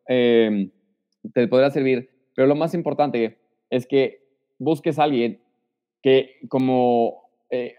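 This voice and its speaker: A man speaking as an interview guest, giving social advice and acting out example lines. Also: medium pitch. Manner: animated, acts out example lines. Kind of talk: casual interview talk. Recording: dull sound with long reverb.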